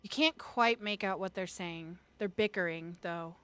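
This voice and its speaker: Woman game master, measured and slow, narrates scenes and calls for dice rolls. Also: on the low side, a bit bright, clear, resonant tone. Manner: unhurried, descriptive storytelling.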